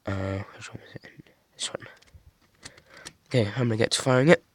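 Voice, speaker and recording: A young man casually showing off a toy model he built, talking in a monotone with many fillers and restarts. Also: on the low side, moderate pace. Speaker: hobby builder showing a model. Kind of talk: casual show-and-tell.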